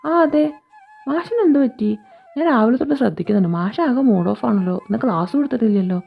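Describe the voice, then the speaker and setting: Brief: woman as a quick, chatty schoolboy, dull lo-fi recording. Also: on the high side, lively intonation, vocal fry, husky, exaggerated voice. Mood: curious. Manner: chatty, explanatory. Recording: dull lo-fi sound. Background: faint background music.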